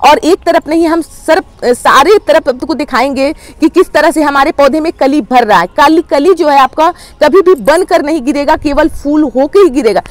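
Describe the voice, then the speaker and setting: High-pitched woman walking you through plant care, step by step, chatty. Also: normal speed, few pauses, no room sound. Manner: plain step-by-step explaining, addresses viewers as friends. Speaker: gardening channel host. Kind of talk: instructional how-to talk.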